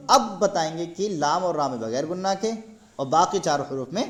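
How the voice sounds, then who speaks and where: A man's voice: fairly high pitch, lively intonation, a bit bright. Patient man tutoring a lesson. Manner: patient, keeps checking understanding and praising. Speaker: Quran recitation teacher.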